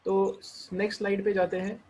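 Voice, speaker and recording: A man with an Indian accent teaching a math lesson, working through the steps one at a time and slowing down to read each equation aloud. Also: high voice, little pitch movement, darkish tone, rough recording. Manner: explains step by step, mixing Hindi and English; slows down when reading out equations. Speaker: math tutor.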